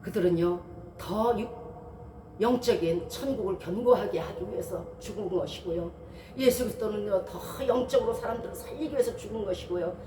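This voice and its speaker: A woman's voice: mid-range voice, normal speed, warm tone, recorded from a distance, a little hiss or hum. A woman pastor giving a Sunday sermon in a conversational way, asking many rhetorical questions and briefly acting out people's voices. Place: church sanctuary. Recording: roomy church, voice from afar.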